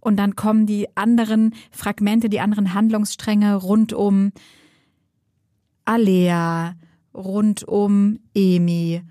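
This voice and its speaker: A woman's voice: medium pitch, level tone, takes it slowly, dark tone, no echo, clean studio sound. Musing woman chatting about books. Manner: musing, thinks aloud with many tag questions. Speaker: book podcast co-host. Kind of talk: casual book discussion.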